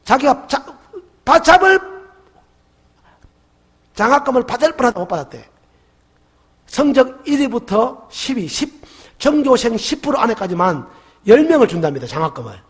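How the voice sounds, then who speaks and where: A middle-aged man with a Gyeongsang accent, preaching a Sunday sermon in church and telling a story with lively questions to the congregation. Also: extremely high pitch, normal speed, long pauses, breathy edge. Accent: Gyeongsang dialect. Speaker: pastor. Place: church sanctuary.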